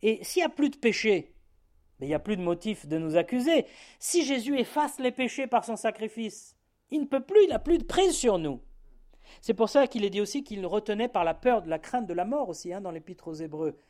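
A man's voice: high-pitched, very animated, a little fast, a little mellow. Emphatic male preacher. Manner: emphatic, rising on key words, frequent tag "hein". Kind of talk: evening sermon.

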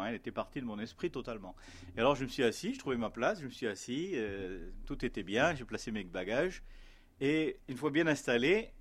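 A man tells a personal faith story in a loose, conversational way. He pauses often and fills gaps with hesitations. Toward the end he turns earnest and gently exhorting. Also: mid-range voice. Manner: rambling, many hesitations and fillers. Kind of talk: casual spoken testimony.

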